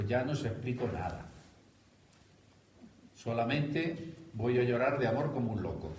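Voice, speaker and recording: A man with a Spanish accent from Spain, giving a devotional talk to a group, animated and teasing. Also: fairly low pitch, slight background noise. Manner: animated, teasing, laughs at own jokes. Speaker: spiritual teacher. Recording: echoey room from a distance.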